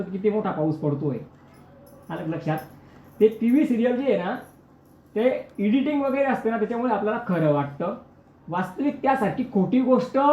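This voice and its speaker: Guy preaching a devotional sermon, chants verses now n then, echoey room, kinda muffled lo-fi. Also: high-pitched. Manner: storytelling, addresses listeners directly, breaks into chanted verses. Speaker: kirtan preacher. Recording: echoey, dull lo-fi recording.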